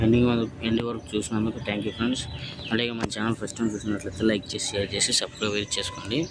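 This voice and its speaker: A man's voice: lowish voice, little pitch movement, very fast, heavy background noise. A man hosting a casual step-by-step phone editing tutorial, who keeps checking in with "okay friends" between steps. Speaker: video editing tutorial host.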